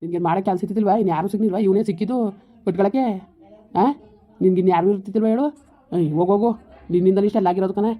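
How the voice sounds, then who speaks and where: A woman's voice: medium pitch, steady tone, natural voice. A young woman playing a fed-up grown daughter who scolds her family in a village comedy skit, firing off indignant questions. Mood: furious. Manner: indignant, scolding, rapid-fire rhetorical questions. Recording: tinny phone-like audio.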